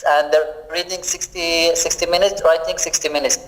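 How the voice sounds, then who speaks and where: A man's voice: a little high, fairly even intonation, brisk, fairly bright tone. A young man from Pakistan, a student, answering interview questions on a phone call, hesitant and full of fillers. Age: young adult. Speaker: student, guest.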